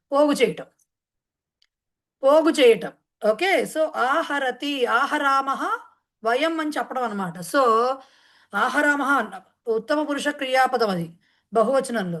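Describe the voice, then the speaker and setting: A woman Sanskrit teacher who chants a verse slowly, then explains it in quick talk mixed with English words. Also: high voice, a bit bright. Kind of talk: online class explaining a verse in Telugu.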